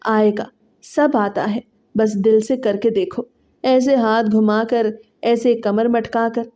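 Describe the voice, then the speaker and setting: A woman's voice: a little high, fairly even intonation, warm tone, natural voice. A woman voicing a bossy, mocking eunuch who coaxes and threatens a bride into dancing. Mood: coaxing. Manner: coaxing then threatening, clapping.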